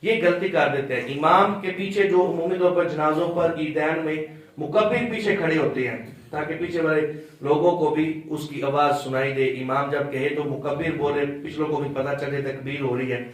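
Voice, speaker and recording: A man with a slightly high voice teaches a class from a distance, his words ringing around a very echoey hall. He explains step by step and pauses to quiz the students. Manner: explanatory, quizzes the class, chants drawn-out demonstrations. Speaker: religious teacher. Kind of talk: classroom instruction on prayer. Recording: very echoey room, distant mic.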